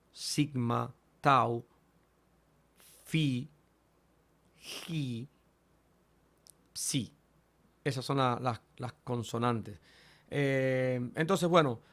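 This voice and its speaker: A man teaching a Greek lesson, modeling each letter's sound aloud and speaking directly to his students. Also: medium pitch. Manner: addresses students directly, repeats key points. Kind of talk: online language lesson.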